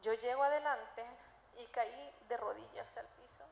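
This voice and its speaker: A woman with a Chilean accent giving an emotional testimony from the pulpit, moving between loud and hushed storytelling. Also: fairly high pitch, unhurried, vocal fry. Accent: Chilean Spanish. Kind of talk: sermon testimony. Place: church sanctuary. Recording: echoey church hall.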